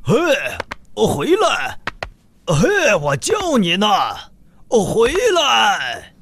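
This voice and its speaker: A man's voice: mid-range voice, wildly swooping pitch, moderate pace. A man voicing an eager, fussy, easily flustered driver in a children's cartoon dub. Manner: fussy, hesitant, dramatic.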